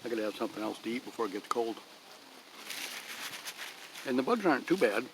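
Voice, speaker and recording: Older man, casual outdoor vlog, mid-pitched and chatty, with clear road and wind noise behind. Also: big pitch swings, fast. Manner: rambling, homey, chatty. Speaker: vlogger. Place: outdoor picnic table in a pine grove by a lake. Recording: outdoor phone recording with clear background noise. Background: breeze, traffic and rustling leaves.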